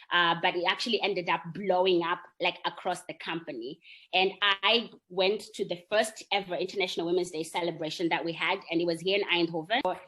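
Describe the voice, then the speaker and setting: A young woman speaks in a slightly low voice. She answers interview questions earnestly and reflectively, often checking in with her listener. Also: a bit bright. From Zimbabwe. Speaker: marketer and employee network founder.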